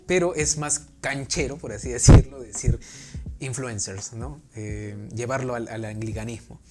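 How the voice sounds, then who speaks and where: A man from Peru hosting an interview, asking long questions with many pauses and restarts. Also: medium pitch, heavy background noise. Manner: hesitant, many fillers and restarts while asking. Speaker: interview host.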